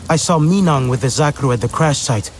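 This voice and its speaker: A man's voice: mid-range voice, a little fast, slight background noise, lightly acted. A man playing an earnest, practical, supportive resistance warrior in a video game, speaking plainly.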